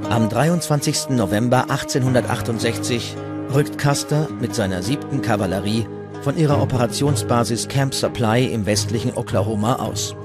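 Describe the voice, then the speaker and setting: A man with a mid-range voice reads scripted documentary narration at a normal speed. Music plays softly behind him throughout the recording.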